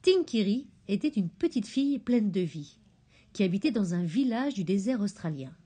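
A woman narrating a children's storybook, expressive and gentle. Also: mid-range voice, moderate pace, slightly rough.

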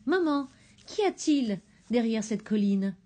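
A woman voicing a lively, headstrong little girl in a storybook, eager and bold. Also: on the high side, takes it slowly.

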